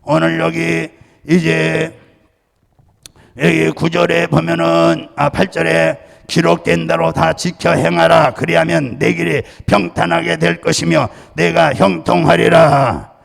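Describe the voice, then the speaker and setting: A male pastor from Chungcheong delivers a Sunday sermon with emphatic, repetitive exhortations and some light humor. His voice is strongly gravelly and sits a little high. The sound rings with a long church-hall reverb. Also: little pitch movement, takes it slowly. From Chungcheong, Korea. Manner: emphatic preaching with repeated calls to believe; jokes with the congregation. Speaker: senior pastor. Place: church sanctuary.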